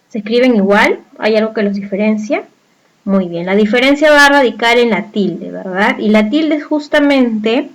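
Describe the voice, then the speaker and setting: Female teacher, unhurried and patient, higher-pitched voice, talks learners through each step. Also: low-quality recording. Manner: patient, asks the class rhetorical questions. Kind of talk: slow explanatory grammar lesson.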